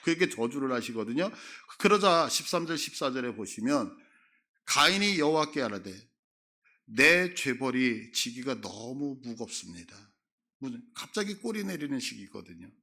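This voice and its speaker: A man's voice: mid-range voice, very animated, normal speed, bright, forceful tone. A middle-aged man preaching a sermon, acting out Bible figures' words with sudden rises in his voice. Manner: acts out Bible figures' words with a big rise in voice. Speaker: pastor.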